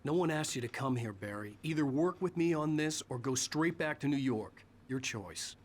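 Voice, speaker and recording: A man's voice: mid-range voice, lively intonation, normal speed, a little hiss or hum, close to an everyday voice. An actor playing a brooding, tense male novelist in a video game, talking tersely and curtly. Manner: terse, curt. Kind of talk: video game cutscene acting.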